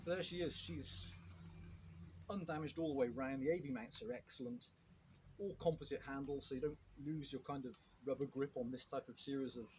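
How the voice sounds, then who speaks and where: A man's voice: mid-range voice, a little fast, a little mellow, a little hiss or hum. A man casually reviewing a chainsaw outdoors, rambling along with fillers and restarts. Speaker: chainsaw vlogger.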